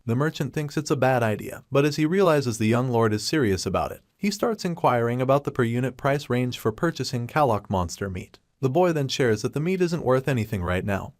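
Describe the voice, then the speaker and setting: A man giving a steady, scripted narration of a story recap. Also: mid-range voice, no echo, studio quality.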